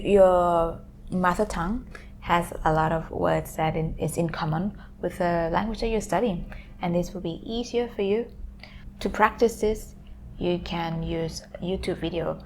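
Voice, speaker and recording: A woman explains pronunciation for language learners, walking through it step by step with small hesitations. Her voice sits fairly low and has a gravelly fry in it. A faint hum of room noise sits underneath. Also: a little slow. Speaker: language learning video host. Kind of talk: explaining pronunciation tips to camera.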